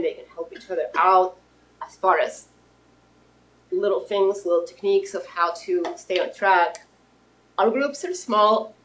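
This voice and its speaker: A Russian woman in her thirties speaks in a lowish voice over slight background noise and poor audio. Addressing a live audience, she gives a friendly, casual pitch for her fitness business, with plenty of fillers and restarts.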